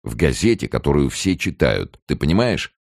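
A man's voice: a bass voice, very animated, normal speed, creaky, a little mellow, dry recording, studio quality, pitched above the performer's own voice, full character voice. A man reading an audiobook and voicing a selfish, cowardly young male student in a nervous, wheedling manner. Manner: anxious, wheedling, turning nasty.

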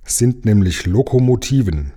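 A man doing a calm, kindly engine driver. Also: fairly low pitch, a little slow. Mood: friendly. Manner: calm, friendly, polite.

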